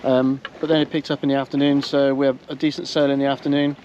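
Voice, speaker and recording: A man's voice: mid-range voice, fast talker, dull audio. Guy rambling on a sailboat, lots of ums, wind and water roaring behind. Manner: chatty, relaxed, with frequent ums. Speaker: sailing vlogger. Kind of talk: casual on-board narration. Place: on a sailing boat at sea. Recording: wind and water noise on a boat.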